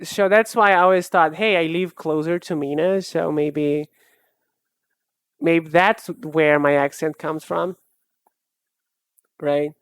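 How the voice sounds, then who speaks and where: Slow and pausing often, this art streamer from Brazil talks with a live chat in a smooth, medium-pitched voice with fairly even intonation. Portuguese is their first language and their accent is Brazilian; they muse, hesitate and frequently restart sentences, on a dry recording.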